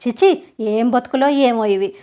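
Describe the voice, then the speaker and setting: Woman voicing a bitter, shouting young husband. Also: a little high, unhurried, lightly acted. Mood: grumbling. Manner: harsh, scolding, complaining. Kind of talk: storytelling with acted dialogue.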